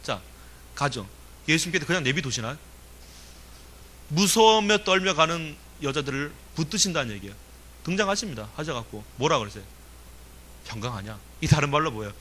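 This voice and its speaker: Man preaching, bright forceful voice, emphatic, rhetorical questions, faint hiss. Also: a little high, animated, brisk. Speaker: pastor. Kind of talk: sermon.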